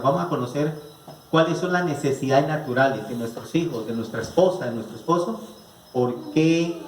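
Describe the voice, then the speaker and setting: A man with a Colombian accent gives a psychology talk to a live audience, asking rhetorical questions and checking in with the listeners. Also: mid-range voice. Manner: rhetorical, asks the audience questions, repeats "¿no es cierto?". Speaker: psychologist giving a family conference. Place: rural venue with an audience. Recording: echoey room picked up from a distance.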